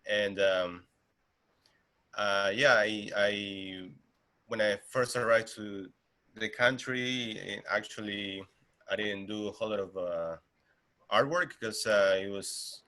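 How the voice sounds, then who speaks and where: A man in his thirties, from Argentina, speaks as a guest artist in a relaxed interview. His voice sits very low yet sounds bright and forceful. He talks slowly, often restarting and filling pauses. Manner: unhurried, many fillers and restarts. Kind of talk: casual interview talk.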